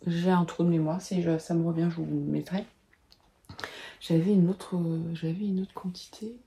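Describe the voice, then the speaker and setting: Mellow-voiced woman chatting about her day. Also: lowish voice, fairly even intonation, normal speed, vocal fry. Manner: chatty, many filler sounds, thinks aloud. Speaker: knitting vlogger and pattern designer. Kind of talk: casual chat to camera. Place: home at a desk, lit by a lamp.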